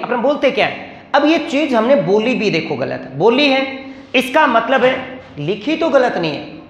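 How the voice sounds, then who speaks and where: High-voiced teacher in an echoey room. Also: male voice, fairly bright tone, lo-fi sound. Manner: asks questions and answers them himself. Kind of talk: classroom lecture.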